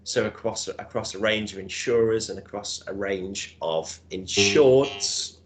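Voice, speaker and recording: An insurance broker with a Scouse accent and a lowish voice presents a webinar, explaining things conversationally with lots of hedging and frequent "right?" checks.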